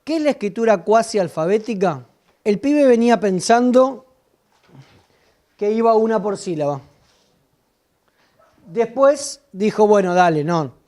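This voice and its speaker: A woman's voice: medium pitch, animated, a little slow, long pauses, warm tone. A woman with a Rioplatense Spanish accent, lecturing teachers at a literacy workshop, asking questions and answering them herself. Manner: explanatory, asks and answers own questions.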